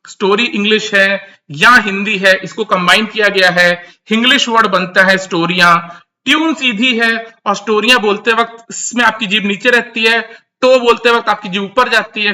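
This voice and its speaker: A man's voice: high-pitched, sharp tone. A man giving an emphatic commentary that explains and critiques song lyrics, repeating his key points and mixing English words into Hindi.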